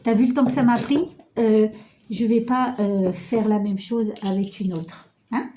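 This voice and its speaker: Slow, mellow-voiced woman with a cold. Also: a little high, fairly even intonation, a little hiss or hum. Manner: chatty, self-mocking, addresses viewer informally. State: nasal with a cold. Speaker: sewing tutorial host. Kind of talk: casual sewing tutorial. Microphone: phone camera.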